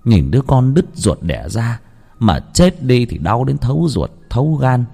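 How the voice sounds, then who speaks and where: Expressive storyteller man. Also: mid-range voice, vocal fry, husky, soft background music. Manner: expressive, drawn-out storyteller delivery. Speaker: ghost story narrator. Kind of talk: dramatic storytelling narration.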